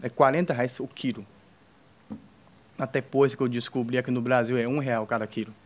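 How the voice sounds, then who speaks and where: A Chinese entrepreneur from China, sitting on a panel, shares a personal story informally with the audience in a Chinese-accented, mid-range voice. His intonation stays fairly even while he halts, fills pauses, restarts and jokes with listeners.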